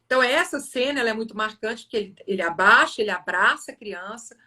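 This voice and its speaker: A woman's voice: a little high, lively intonation, pushed and bright, distant mic. A woman, hosting a live series, earnestly retelling a film scene with frequent restarts. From Brazil. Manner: earnest, halting storytelling with restarts.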